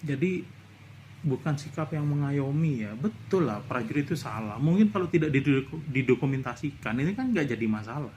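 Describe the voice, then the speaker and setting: A man's voice: mid-range voice, animated, brisk, mellow, slight background noise. A middle-aged man from Indonesia giving a casual commentary monologue, indignant and lecturing, his voice rising into outbursts. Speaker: vlogger.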